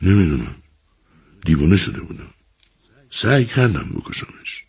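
Shaken young farmhand as a husky-voiced man plays him, defensive, pitched up a bit, audiobook. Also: big pitch swings, a little mellow, exaggerated voice. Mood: tense, defensive. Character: troubled young farm man on the run.

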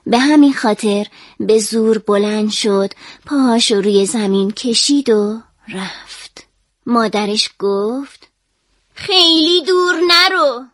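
A woman calmly and expressively reading a children's story aloud. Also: medium pitch, no echo, clean studio sound.

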